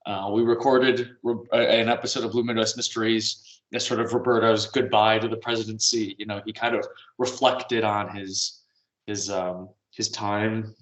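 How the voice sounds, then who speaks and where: A man's voice: on the low side, flat delivery, normal speed, a bit bright. A man casually chatting on a podcast from home, rambling and meandering with little chuckles. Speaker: podcast co-host. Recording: roomy echo.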